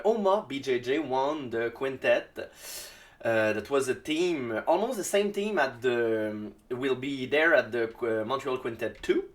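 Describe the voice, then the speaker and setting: A native French-speaking man with a Québécois accent gives casual solo jiu-jitsu commentary in halting English, filled with ums and uhs as he searches for words. His voice is medium-pitched with a fairly bright tone.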